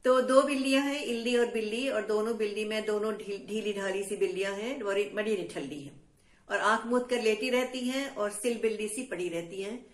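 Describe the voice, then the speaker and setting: A woman's voice: medium pitch, a little fast. A woman poet reciting and explaining rhyming poems for children in a sing-song chant, repeating the refrains again and again. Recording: roomy echo.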